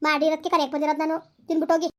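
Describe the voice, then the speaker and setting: A woman's voice: high voice, little pitch movement, lightly acted. A woman as a nagging, suspicious pregnant wife. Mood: reproachful. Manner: complaining, questioning, rapid. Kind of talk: village comedy skit.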